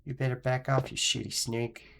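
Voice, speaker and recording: A man's voice: mid-range voice, flat delivery, normal speed, creaky, background noise. A man streaming a horror game, talking casually in a rambling, joking way, sounding nasal from a stuffed-up nose. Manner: rambling, chatty, jokey asides. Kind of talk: casual gameplay commentary. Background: game music.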